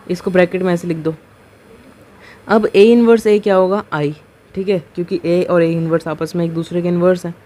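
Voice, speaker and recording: A man's voice: high voice, a little mellow. A man teaching maths, explaining a proof step by step. He keeps asking rhetorical questions and checking that students follow. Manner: patient and step-by-step, slowing on key terms. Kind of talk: board lecture explaining a proof.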